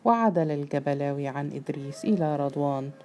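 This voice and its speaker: امرأة تروي رواية بقراءة متزنة منتظمة. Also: female voice, low voice, fast talker, mellow, slight background noise. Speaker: narrator. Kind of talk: scripted narration of a novel.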